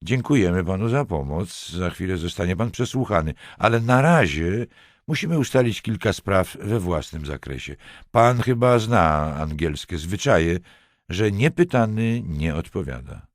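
A man voicing a cool, sharp police lieutenant who gives curt, measured replies. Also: low voice, lively intonation, no room sound, studio quality.

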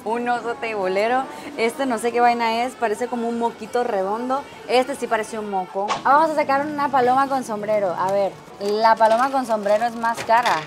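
A woman giving casual vlog commentary as she shops for capsule toys in a busy Japanese toy shop. She is chatty and excitable and laughs often. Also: on the high side, brisk, hardly any pauses. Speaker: travel vlogger. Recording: noisy shop ambience.

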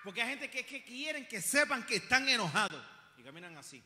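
A man's voice: very high-pitched, big pitch swings, a little fast, bright, forceful tone, big-room sound, slight background noise. A man preaching a sermon in a church, full of passionate rhetorical questions and humorous asides. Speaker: pastor. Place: church sanctuary.

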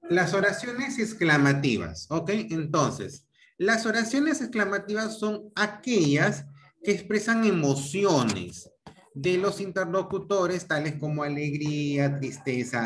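A man's voice: a little high, fairly bright tone. A man with a Peruvian Spanish accent teaching a grammar class over a video call, explaining step by step and checking in with his students often. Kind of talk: online grammar lecture. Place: home room on a video call. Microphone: computer mic on a video call. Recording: echoey room.

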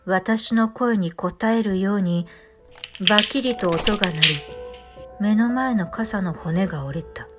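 A woman reading a scripted first-person ghost story in a hushed, eerie storytelling manner. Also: medium pitch, unhurried. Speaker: horror story narrator. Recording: music and rain under the voice. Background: music, rain.

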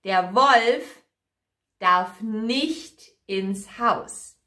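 A woman voicing a caring mother goat who firmly warns her kids, slowly and emphatically. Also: mid-range voice, sharp tone. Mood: warning. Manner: firm, slow and emphatic. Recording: echoey room.

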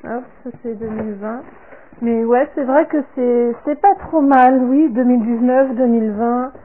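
Slow high-voiced woman, tinny phone-like sound. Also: steady tone, a little hiss or hum. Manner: slow and halting, repeats "comme ceci" and "voilà", trails off softly. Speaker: vlogger showing a product order. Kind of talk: casual unboxing talk to camera.

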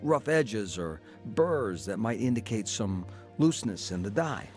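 In a scripted first-person radio drama, an actor plays an earnest, troubled man recounting his own past. His lowish voice is very animated yet unhurried, the mood reflective and grave, with soft background music.

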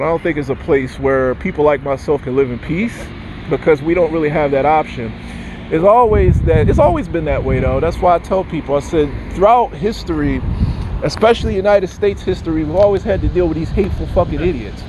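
A man's voice: fairly high pitch, a little mellow, a little hiss or hum, low-quality recording. A man ranting angrily and cursing as he walks outdoors, recording on his phone. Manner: angry, cursing, repetitive ranting. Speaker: vlogger. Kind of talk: profane walking rant to phone camera. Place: outdoors in a parking lot. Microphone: phone held while walking.

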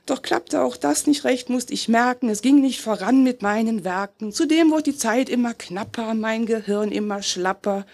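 A woman performing her own rhymed poem on a festival stage, with a rhythmic, self-mocking delivery. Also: a little high. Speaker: slam poet. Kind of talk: rhymed poetry slam performance.

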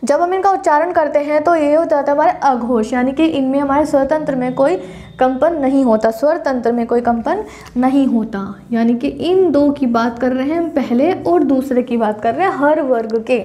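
With a high, mellow voice at a moderate pace, a young woman delivers a classroom lecture on Hindi grammar. She goes through the consonants individually, lays out each point in steps, and fixes her own mistakes along the way.

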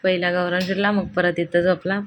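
A woman's voice: on the low side, level tone, fairly quick, a little hiss or hum. A young woman from Maharashtra, a mother filming a casual family vlog at home on a handheld phone, chatting straight to her viewers and coaxing her kids along. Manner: chatty, talks straight to viewers, coaxes children.

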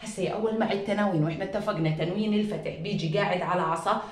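A woman's voice: medium pitch, racing. A woman teaching a first-grade class, drawing out syllables in a sing-song drilling voice. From Jordan. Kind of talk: classroom phonics lesson. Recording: very echoey room.

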